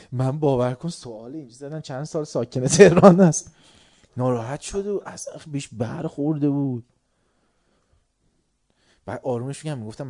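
A middle-aged man from Tehran preaching to a seated crowd, his voice mellow and warm. He drops into quiet, drawn-out musing, then flares up loudly to put a pointed question to the room. His delivery feels unhurried and conversational, like a teacher leading his listeners step by step. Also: a little high. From Tehran, Iran. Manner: questions the audience, shifts between quiet musing and sudden loud bursts. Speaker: religious lecturer. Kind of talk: sermon to a live audience.

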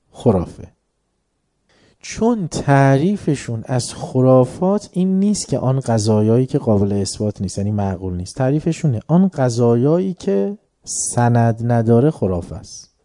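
A man's voice: mid-range voice, warm tone. A man giving a philosophy lecture, emphatic, asking the audience rhetorical questions and urging them to pay attention.

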